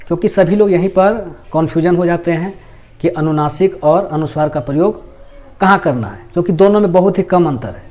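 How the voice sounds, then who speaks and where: A man teaching a grammar lesson, explaining step by step, repeating each point and sounding out letters slowly. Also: high-pitched, darkish tone. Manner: explains step by step, repeats points and asks questions back to the learner; sounds out letters and words slowly to show how they are spoken.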